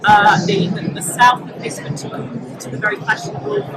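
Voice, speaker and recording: A woman, a property journalist, chatting in an interview full of ums and restarts, on a low-quality live recording at a busy exhibition hall. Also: level tone, normal speed. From Britain. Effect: low-quality live recording with loud background noise. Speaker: property journalist, podcast guest. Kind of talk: casual interview chat. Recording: loud crowd noise from a live show.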